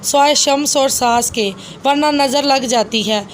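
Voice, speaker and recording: A woman's voice: sits high, measured pace, slight background noise. A woman reading a story aloud, voicing a worried older mother who speaks in a fussy, cautioning way.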